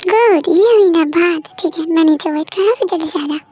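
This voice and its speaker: A bossy young man, voiced by a woman in a high register for a storybook-style reading. He coaxes his friend with firm, insistent commands. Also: fairly quick. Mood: coaxing.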